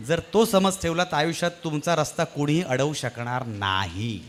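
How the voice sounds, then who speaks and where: A man doing stand-up comedy on stage at a live event, telling an animated story and acting out its voices. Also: fairly high pitch, normal speed, noisy background. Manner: animated, acts out the voices in his stories.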